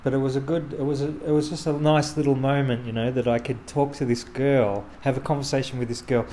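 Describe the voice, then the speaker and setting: Rambling male street photographer, halting delivery, with traffic noise behind him. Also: medium pitch, level tone, mellow, rough recording. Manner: rambling, halting, many restarts and fillers. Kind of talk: casual storytelling to camera.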